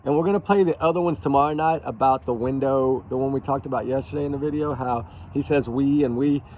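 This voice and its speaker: Fast-talking and steady, a man with a mid-range voice chats with his audience, calling them y'all, while reacting to clips as host of a true-crime livestream. The lo-fi stream sounds dull, with slight background noise.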